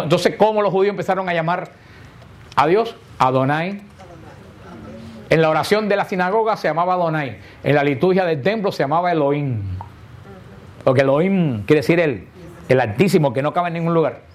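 A man, a priest, explaining in a sermon and asking and answering his own questions. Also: a little high.

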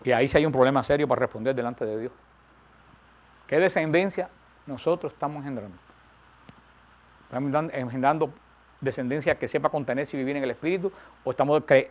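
A man preaching a sermon, emphatic, rising and falling, repeating phrases for stress. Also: medium pitch.

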